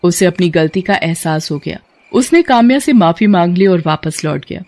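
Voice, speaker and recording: Reading a bedtime story at a normal pace, a woman uses a fairly low voice for steady, scripted narration. When the teacher character speaks, which she voices too, her tone becomes firm and scolding.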